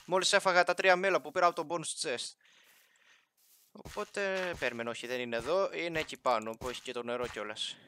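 A young gaming YouTuber casually commentates his Minecraft playthrough, chatting and joking with the game's villagers and animals. His voice is on the high side, pushed and bright, with slight background noise.

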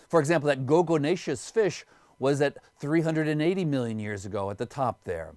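Man, biology lecturer, fairly high voice, animated pitch, dry close sound, pointing things out step by step. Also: moderate pace, dry recording. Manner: demonstrative, points things out as he goes. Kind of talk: explanatory lecture.

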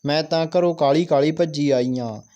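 A man's voice: fairly high pitch, fairly quick, mellow, natural voice. A man reading the part of an eager, devoted old village woman in a school play, in his own voice. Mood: pleading.

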